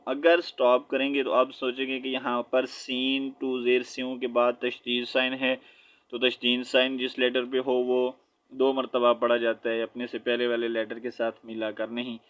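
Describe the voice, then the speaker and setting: A man teaching Quran recitation. He spells out letters slowly, chants the verses drawn-out, and explains quickly and patiently between them. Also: medium pitch, little pitch movement, a bit bright. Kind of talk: tajweed lesson, spelling and reciting. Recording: dull lo-fi recording.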